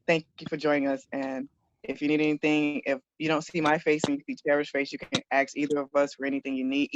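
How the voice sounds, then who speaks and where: A woman coordinating a youth program, welcoming students on a video call in a casual, encouraging way. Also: very deep voice. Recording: muffled video-call audio.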